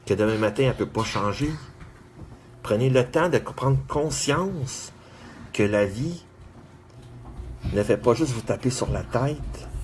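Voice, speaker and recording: A man speaks in a lowish voice, delivering an earnest motivational monologue. He repeats encouraging phrases in slow, measured runs. A faint hiss sits quietly under his voice. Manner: earnest, repetitive exhortations with measured pauses; greets viewers by name.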